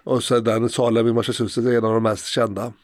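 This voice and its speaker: A man's voice: medium pitch, level tone, no echo. A man from Sweden hosting a casual podcast chat about places, talking in a hesitant way with frequent fillers and restarts. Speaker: podcast host.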